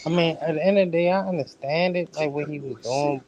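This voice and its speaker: A man's voice: a little high, fairly quick, highs cut off, a crowd in the background. A man in casual podcast chat, talking earnestly and hedging with "you know".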